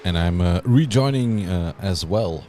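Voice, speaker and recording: Deep-voiced man, hesitant commentary. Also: lively intonation, measured pace, slight background noise. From Belgium. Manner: hesitant, many uhs, laughs softly. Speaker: sim racing commentator. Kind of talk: live race commentary and banter.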